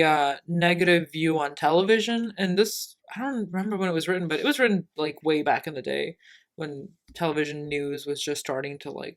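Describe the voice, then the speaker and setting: A young woman in her twenties, co-hosting a podcast in casual chat, rambling with many fillers and laughing, a little tipsy. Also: low-pitched. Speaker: podcast co-host.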